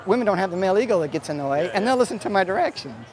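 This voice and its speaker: A man's voice: high voice, expressive, rapid-fire. A man from Idaho, a sword swallower, answering interview questions in a casual, plain-spoken, easygoing way. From Idaho, United States. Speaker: sword swallower and circus-style performer. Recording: noisy outdoor fair with crowd. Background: crowd and outdoor fair ambience.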